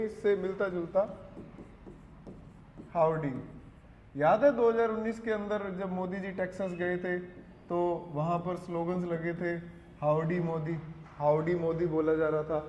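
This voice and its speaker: A man teaching English vocabulary in Hindi, dictating words slowly for notes and correcting pronunciation. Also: sits high. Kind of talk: classroom lesson explaining vocabulary in Hindi. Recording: echoey room, dull lo-fi sound.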